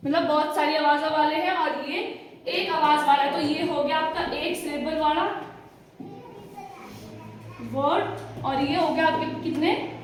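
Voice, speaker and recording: A woman teaching a spelling lesson to a class, slow and questioning, repeating the answers back. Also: high-pitched, steady tone, a little hiss or hum. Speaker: English teacher. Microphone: far from the mic. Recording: very echoey room from far off.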